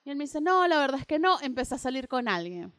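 A young woman co-hosting a radio show, casually telling a personal story and acting out both sides of the dialogue in an animated way. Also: high voice, fast, dry recording. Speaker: radio co-host.

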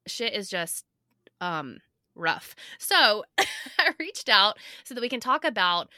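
A woman's voice: mid-range voice, very animated, takes it slowly, bright, forceful tone, no echo, studio quality. A woman hosting a podcast, talking in a candid, chatty way as she interviews a guest. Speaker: podcast host. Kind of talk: casual interview chat.

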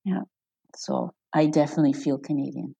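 A woman's voice: low voice, a little fast, gravelly, breathy edge. A middle-aged woman from Croatia, a guest in an interview, talking casually and laughing often. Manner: chatty, warm-hearted, laughs often, restarts sentences. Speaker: interview guest, elected official.

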